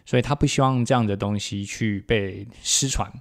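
Casting: male co-host, lower voice, Taiwanese Mandarin accent, casual conversational delivery. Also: normal speed. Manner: repeats confirmations, switches into Taiwanese Hokkien phrases. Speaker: podcast co-host, parent.

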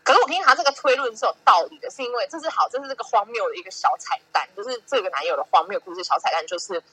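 A woman's voice: medium pitch, racing, slightly rough, dry recording, poor audio. A young woman with a Taiwanese Mandarin accent, hosting a casual podcast chat and telling stories animatedly, acting out what people said. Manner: animated storytelling, acting out quoted lines, laughing often. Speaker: podcast host.

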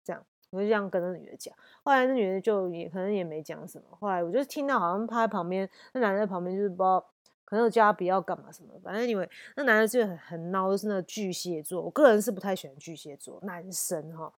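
A woman, telling a personal story in a casual podcast chat, blunt and lively. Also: mid-range voice, fast talker, no echo, studio quality. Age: 30s. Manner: blunt and animated, acts out heated phone quarrels. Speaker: podcast host.

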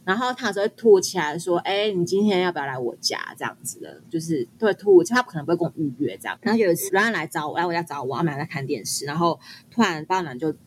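A woman's voice: lowish voice, a little hiss or hum. A young woman with a Taiwanese Mandarin accent, telling dating stories in casual chat and acting out the lines. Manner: rapid, animated storytelling with quoted dialogue. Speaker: guest storyteller.

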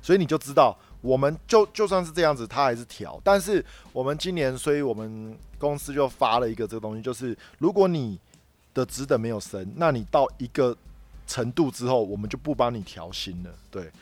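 A man's voice: mid-range voice, lively intonation, fairly quick, no room sound. Rambling Taiwanese Mandarin man, dry sound. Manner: rambling, repeats words while telling a work story. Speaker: podcast co-host. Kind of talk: casual chat.

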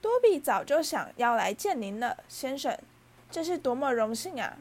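A woman voicing a small servile male house-elf in a storybook reading, high and shrill, humbly calling everyone sir. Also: big pitch swings, normal speed. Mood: eager. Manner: humble, keeps saying sir.

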